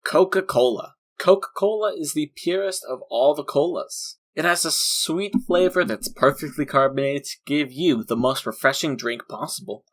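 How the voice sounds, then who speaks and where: Man as a higher-pitched 1940s radio pitchman. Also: sharp tone. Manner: salesmanlike, emphatic. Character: upbeat 1940s radio sponsor announcer. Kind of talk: scripted old-time radio advertisement.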